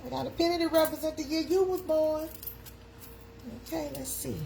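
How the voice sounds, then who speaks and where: A woman's voice: high-pitched, fairly even intonation, moderate pace, creaky, mellow, a little hiss or hum. Chatty woman in her fifties. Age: 50s. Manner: chatty, calls out to viewers. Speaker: live stream host. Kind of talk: casual live chat.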